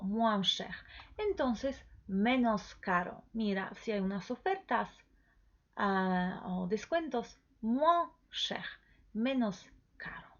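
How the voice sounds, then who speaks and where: A woman teaching an online language lesson, speaking slowly and deliberately and repeating model phrases. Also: mid-range voice, highs cut off.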